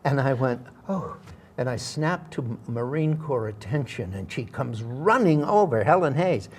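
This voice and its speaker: A man's voice: mid-range voice, lively intonation, normal speed, darkish tone, slightly rough. An older man, a veteran actor, tells stories from his career in an interview, with hesitant fillers and restarts. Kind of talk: anecdotal interview storytelling.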